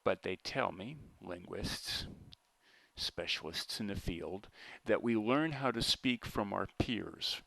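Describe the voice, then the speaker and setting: A man with a General American accent, giving a deliberate, argumentative monologue to camera with pauses and restarts. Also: on the low side, gravelly, sharp tone, no room sound. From United States. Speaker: vlogger.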